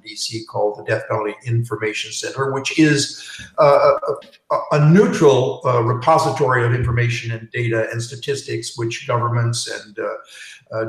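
An older man from California, speaking earnestly with frequent fillers as a roundtable guest on a video call, wearing a headset. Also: mid-range voice. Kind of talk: casual discussion. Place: bright living room at home. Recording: roomy echo on call audio.

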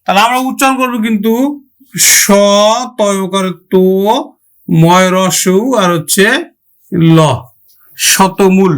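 A man's voice: high voice, takes it slowly, pauses often, fairly bright tone. A male teacher giving a grammar lesson, addressing students with questions and sounding out example words syllable by syllable.

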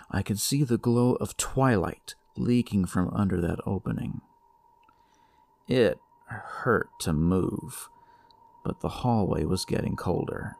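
A man narrating a first-person horror story in a slow, measured storytelling manner. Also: lowish voice, gravelly, darkish tone, no room sound.

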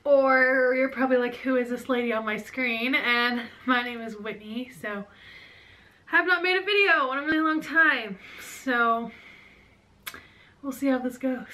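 A young woman in her twenties talks to a camera on a stand in her home bedroom, short of breath the whole time. Her voice is bright and a little high, and her chat rambles from one thought to the next. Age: 20s. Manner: rambling, scattered, chatty. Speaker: vlogger.

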